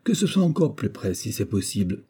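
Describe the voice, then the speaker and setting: A man's voice: very animated, brisk, mellow, slightly rough. A man voicing a boisterous, hunting-mad army captain in an audiobook, exclaiming in a raised voice. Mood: hearty. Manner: exclaiming, raised and higher than the narration.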